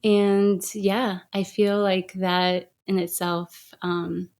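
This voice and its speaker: Gravelly-voiced woman guest, reflective. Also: mid-range voice, monotone, very slow, a little mellow. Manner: reflective, hesitant with restarts. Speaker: photographer guest. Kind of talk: conversational interview.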